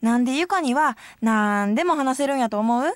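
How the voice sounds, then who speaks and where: A woman's voice: high-pitched, animated, a little fast, dry recording, studio quality. Teasing Kansai idol girl. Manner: blunt, teasing quips. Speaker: dating game character.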